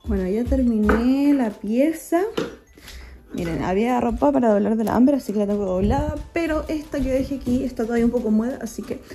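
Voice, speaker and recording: A young woman in her 20s, a vlogger, chats her way through the day's chores in her small home, with her phone held out at arm's length. She talks briskly in a warm voice on the high side, and soft music plays underneath.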